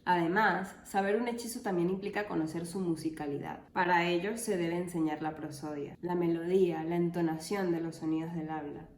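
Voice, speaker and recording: Lower-pitched woman explaining, roomy. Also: a little hiss or hum. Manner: explanatory with dry, deadpan jokes. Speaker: linguistics educator. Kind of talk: casual educational video.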